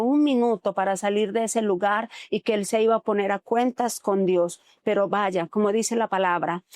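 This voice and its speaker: A woman's voice: medium pitch, darkish tone, dry recording. Earnest woman giving a religious testimony. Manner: earnest, with frequent hesitant fillers. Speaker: testimony speaker.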